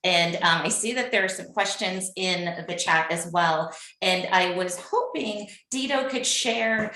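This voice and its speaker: A woman's voice: lowish voice, a little slow, bright, forceful tone. Woman host in an echoey room. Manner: appreciative, with filler ums. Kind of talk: hosting an online discussion.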